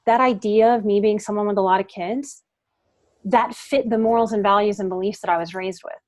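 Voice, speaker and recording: This middle-aged podcast guest, a psychotherapist and life coach, has a steady, slightly mellow voice of medium pitch and a brisk delivery. She answers the interview earnestly, pushing hard on the words that matter most.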